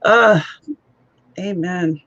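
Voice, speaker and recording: A woman author chatting casually as co-host, animated and expressive. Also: lowish voice, drawn-out words, no room sound, muffled recording. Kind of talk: casual chat. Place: lives on an island.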